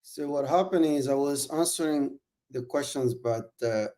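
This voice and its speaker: A man's voice: mid-range voice, moderate pace. A man playing along with a quiz show, talking offhandedly to his viewers about his answers. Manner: relaxed, offhand, talks to his audience. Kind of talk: casual gameplay commentary.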